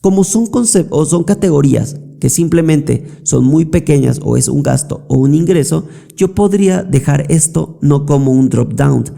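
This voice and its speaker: A man walking through a software tutorial step by step, checking in often with quick questions to the viewer. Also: on the high side, gravelly. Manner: explanatory, frequent check-ins like "¿ok?" and "¿listo?". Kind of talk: screen-recorded software tutorial.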